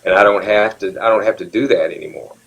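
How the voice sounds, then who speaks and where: A man's voice: on the low side, quick pace, creaky, fairly bright tone. A man in his seventies, talking openly and reflectively as an interview guest, often restarting his sentences. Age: 70s. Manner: earnest, reflective, frequent restarts. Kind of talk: candid interview talk. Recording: dull lo-fi audio.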